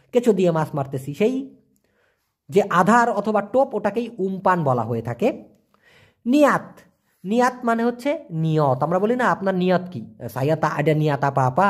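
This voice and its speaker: A language teacher, giving a casual lesson and asking and answering their own questions. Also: mid-range voice. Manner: asks rhetorical questions and repeats words to drill them.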